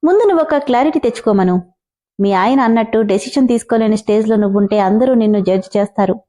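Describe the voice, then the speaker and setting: A woman's voice: fairly high pitch, expressive, quick pace, warm tone, lightly acted. A woman voicing a young wife's inner conscience that lectures her in a matter-of-fact way. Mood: lecturing.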